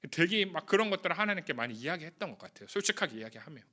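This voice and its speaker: A man's voice: fairly high pitch, very animated, very fast, sharp tone. A young man preaching to a youth group, speaking in an earnest, emotional, confessional way. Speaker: youth pastor. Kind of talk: sermon. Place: church or home studio for online youth service.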